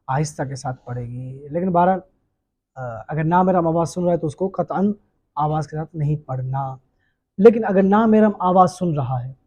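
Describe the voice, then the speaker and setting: A man teaching the rules of prayer in a patient lecture, repeating each point and pausing with fillers. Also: fairly high pitch, dark tone. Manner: frequent hesitation fillers. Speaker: religious teacher.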